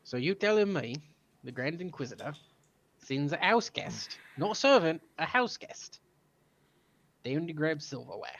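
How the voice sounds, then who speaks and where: A man puts on a gruff kitchen guard with a shaky Cockney accent that keeps drifting toward Australian. The voice sits a little high, and he grills a visitor with suspicious, needling questions in a tabletop game. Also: unhurried, pauses often, dull audio.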